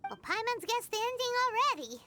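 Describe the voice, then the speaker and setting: Squeaky, tiny fairy companion. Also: female voice, very animated, fairly quick, background noise. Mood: perky. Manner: squeaky, cheeky, childlike. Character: tiny fairy companion, childlike, cheeky, third-person talker. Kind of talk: English video game dub, cartoonish.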